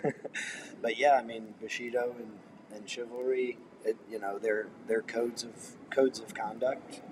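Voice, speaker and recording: A man co-hosting a casual chat and relaying viewer comments in a halting way. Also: medium pitch, little pitch movement. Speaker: co-host reading viewer comments. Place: coffee house. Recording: distant mic, noisy coffee house.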